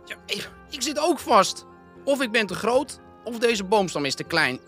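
A man's voice: sits high, wildly swooping pitch, moderate pace, gravelly, bright, forceful tone, soft background music, voice pushed up, full character voice. A man voicing a small cautious boy bear cub who stammers and worries. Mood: flustered. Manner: hesitant, stammering, earnest.

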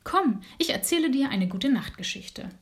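A woman's voice: high-pitched, big pitch swings, normal speed, pitched above the performer's own voice. A woman voicing a wise female owl in a bedtime storybook, kindly and encouraging.

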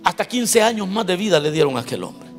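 High-voiced preacher in a reverberant hall. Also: male voice, very animated, quick pace. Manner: emphatic, asks the congregation questions. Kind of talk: sermon. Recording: long hall reverb with faint music.

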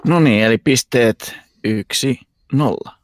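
Man as podcast quiz master, relaxed, explanatory, dry sound. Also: mid-range voice, no echo.

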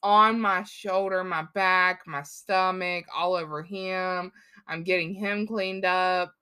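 A woman's voice: fairly low pitch, fairly even intonation, slow pace, sharp tone, clear, resonant tone. A young woman co-hosting a podcast, chatting casually and laughing as she rambles through a story. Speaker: podcast co-host. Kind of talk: casual chat.

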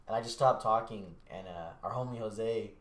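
Laid-back young man telling a story. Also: moderate pace. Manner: relaxed, swearing, acts out quotes in a low mumble. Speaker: podcast host. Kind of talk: casual storytelling chat. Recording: echoey room.

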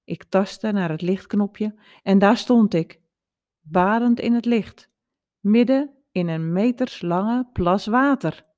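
A woman in her fifties reading aloud a personal story in a calm, wry storytelling manner. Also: mid-range voice, slow. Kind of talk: read-aloud personal narrative.

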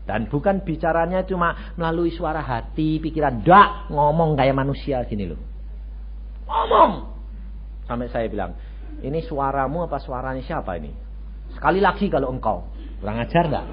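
An older man preaching a sermon, jumping between loud exclamations and low asides and throwing rhetorical questions at the congregation. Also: slight background noise. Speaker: pastor. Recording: dull lo-fi radio broadcast.

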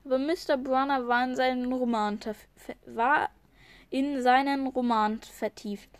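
A woman's voice: high-pitched, fairly even intonation, a little slow, clear, resonant tone, no room sound. A woman reading a novel chapter aloud, often stumbling and restarting words. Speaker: reader.

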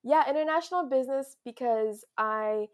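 A woman's voice: high voice, moderate pace. A young woman from France, a podcast guest, talking casually over a video call, laughing and rambling a little. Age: young adult. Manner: giggly, rambling, self-deprecating. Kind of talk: casual interview.

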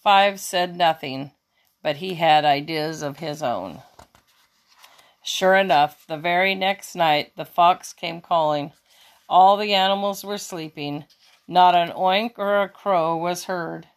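A woman reading a children's picture book aloud, slow and expressive, now and then fixing a slipped word. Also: fairly low pitch. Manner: slow, expressive storytelling with small self-corrections. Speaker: children's story reader.

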